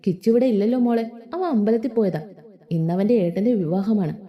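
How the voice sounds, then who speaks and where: A woman's voice: medium pitch, a little fast, lo-fi sound, lightly acted. A woman reading the lines of a kindly mother of grown sons, speaking affectionately on the phone. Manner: warm, affectionate phone talk.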